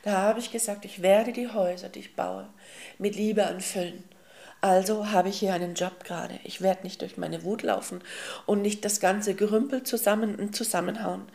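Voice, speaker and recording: A woman with a gravelly, creaky voice delivers a spiritual teaching as a slow, emphatic parable. Her pitch sits in an ordinary middle range. She addresses her listeners tenderly as souls and beloved ones, pausing with soft hums between thoughts. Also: steady tone.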